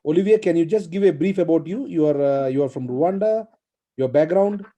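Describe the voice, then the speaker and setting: Over a video call, this webinar host, a man with an African English accent, runs an online training session, encouraging participants and praising them again and again. He sounds fairly high and brisk, with a dark tone.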